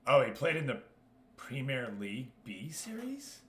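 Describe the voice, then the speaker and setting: Hosting a Football Manager league on stream, this man reacts out loud, mutters to himself, and chats informally with his audience. His medium-pitched, slightly bright voice moves a little slowly and swings hugely in pitch, heard in an echoey, roomy recording.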